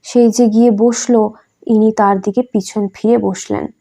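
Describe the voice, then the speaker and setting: A woman's voice: on the high side, steady tone, measured pace, gravelly, warm tone. A woman voicing a middle-aged male devotee who recounts things plainly, in a storybook reading.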